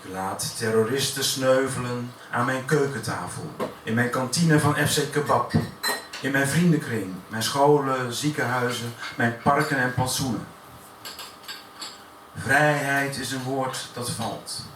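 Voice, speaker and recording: A man reading his poems aloud at a café poetry afternoon, reciting in a measured way with deliberate pauses between lines. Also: medium pitch. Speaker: poet. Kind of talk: poetry reading at a live event. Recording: echoey room from far off, noisy.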